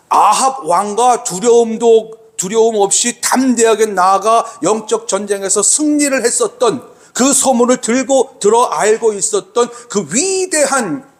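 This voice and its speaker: Male pastor with a high voice, preaching emphatically and repeating key lines. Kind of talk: sermon.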